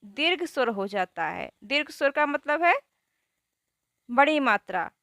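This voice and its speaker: A woman teaching a grammar lesson who asks questions and answers them herself, spelling out words slowly. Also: high-pitched, very animated, vocal fry, a bit bright, no room sound, clean studio sound.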